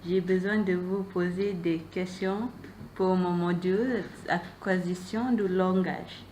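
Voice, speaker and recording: A young woman student interviewer, whose first language is Malay, hesitantly asks interview questions with lots of fillers and repeated answers. Her voice is lowish, steady, slow and darkish, with slight background noise.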